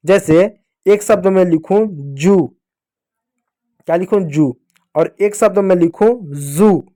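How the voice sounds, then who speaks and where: A man's voice: high voice, warm tone. Patient man teaching children to read. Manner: patient, repeats sounds slowly, asks and answers own questions; addresses children fondly as dear kids. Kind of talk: children's reading lesson.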